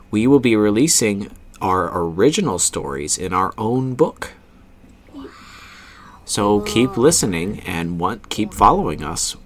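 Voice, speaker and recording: A middle-aged man hosting a children's story show, speaking to young listeners in an unhurried, guiding bedtime-storytelling way. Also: fairly low pitch, a bit bright, a little hiss or hum.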